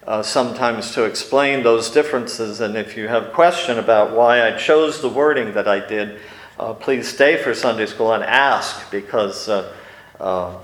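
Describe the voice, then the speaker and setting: Pastor preaching in an echoey room. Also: male voice, fairly low pitch, a bit bright. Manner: measured, frequent fillers. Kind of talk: sermon.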